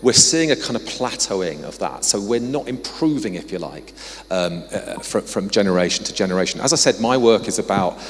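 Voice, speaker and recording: A guest speaker from England who researches social mobility delivers an animated, conversational talk with slides at a moderate pace. His voice is fairly low, and he adds apologetic asides as he goes. Long hall reverb colors the recording.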